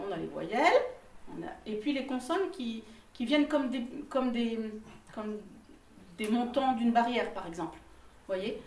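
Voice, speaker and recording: A lively woman teaches singing technique to a choir group, breaking into frequent laughter and demonstrating with brief sung phrases. Her voice is on the high side. The room echoes, the mic is far away, and there's slight background noise.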